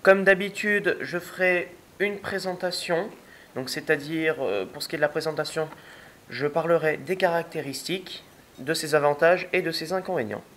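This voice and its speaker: Bright-voiced young French-speaking man reviewing gear. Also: a little high, normal speed, a little hiss or hum, poor audio. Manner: hesitant, many fillers and restarts. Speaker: product reviewer. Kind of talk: casual product review.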